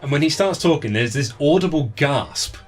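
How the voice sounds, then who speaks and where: A man's voice: on the high side, animated, moderate pace. A man talking as an author guest in a casual chat, enthusiastic, laughing often and restarting sentences.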